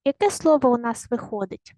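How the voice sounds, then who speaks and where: A woman teaching a primary school language lesson online, speaking slowly and carefully and repeating words to show their stress. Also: fairly high pitch, sing-song, mellow, no room sound.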